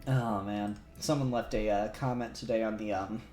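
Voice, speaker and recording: Fairly low-pitched and darkish, this man's voice stays fairly even in intonation at a moderate pace. He rambles and laughs while co-hosting a casual livestream, thinking aloud over his 3D modelling. Faint music sounds in the echoey room.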